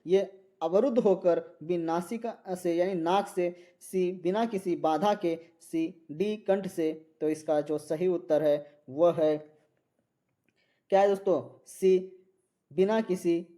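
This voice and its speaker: A man's voice: high-pitched, slow pace, mellow. A man teaching a Hindi exam-prep lecture, reading out multiple-choice questions and repeating each answer.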